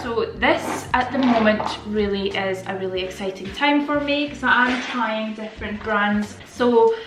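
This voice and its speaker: A woman from Estonia with a slightly high voice speaks at a measured pace against a noisy background. She's a vlogger and nail technician doing a chatty vlog voice-over as she tidies, talking playfully both to herself and to her viewers like a home vlogger.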